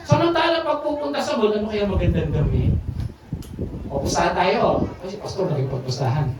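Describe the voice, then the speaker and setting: A woman's voice: medium pitch, a little fast. A Filipino woman preaching a sermon to a congregation, often asking for an amen. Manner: lively call-and-response preaching, asks "Amen?" often. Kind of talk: Tagalog sermon. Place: church service, large echoey room. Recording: echoey church hall, far from mic, noisy.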